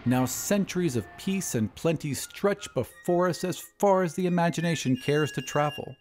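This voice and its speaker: A man voicing a cheerful, very old male doctor who speaks in a brightly persuasive way. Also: moderate pace, soft background music, natural voice. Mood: cheerfully reassuring. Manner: brightly persuasive, pitch lifting on key words. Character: cheerful ancient male doctor, smooth and upbeat.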